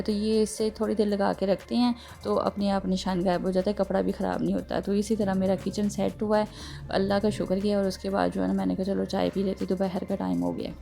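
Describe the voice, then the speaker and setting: A woman's voice: mid-range voice, creaky, dark tone. A woman with a slightly sore throat, rambling homely narration of her kitchen chores with many little fillers. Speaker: home vlogger. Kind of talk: casual chatty home vlog narration. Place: home kitchen.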